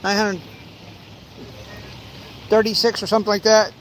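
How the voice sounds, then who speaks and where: Outdoors by a pond, a fishing vlogger in his forties chats casually, rambling through anecdotes and acting out little exchanges. His high voice is fairly bright, with a flat delivery at a moderate pace. The audio is poor, with some outdoor ambient noise.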